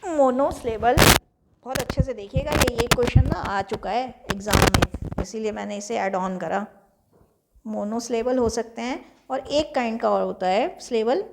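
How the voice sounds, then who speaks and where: A young Indian woman teacher giving an exam revision lecture, explaining slowly and repeating key terms. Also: on the high side, vocal fry, very noisy.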